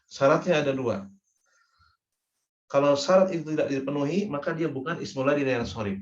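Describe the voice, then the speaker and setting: A man's voice: on the high side, brisk, echoey room, dull audio. A man with an Indonesian accent teaching Arabic grammar in a recorded lesson, patiently repeating each word ending aloud.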